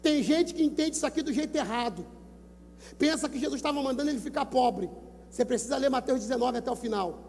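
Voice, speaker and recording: Pastor with a Brazilian accent, very high-pitched, preaching emphatically into a handheld mic in a gymnasium with long reverb. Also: male voice, fast talker, slight background noise. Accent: Brazilian Portuguese. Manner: emphatic preaching, repeats numbers, urges listeners to shout. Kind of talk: sermon at a youth event. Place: large gymnasium. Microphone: handheld microphone.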